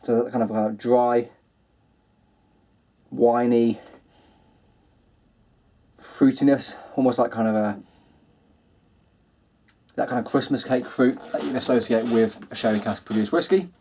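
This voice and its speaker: Man, casual talk, relaxed, many fillers, medium pitch, tasting notes. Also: unhurried, long pauses. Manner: relaxed and chatty, many ums and kinds of. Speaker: whisky reviewer, host. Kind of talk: casual video review.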